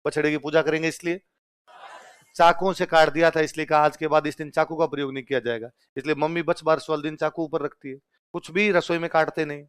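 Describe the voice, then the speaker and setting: A man's voice: fairly high pitch, fairly bright tone, smooth. A man teaching a lesson, repeatedly asking questions and answering them himself. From Rajasthan. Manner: quizzes listeners with call-and-response questions. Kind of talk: exam-prep lecture.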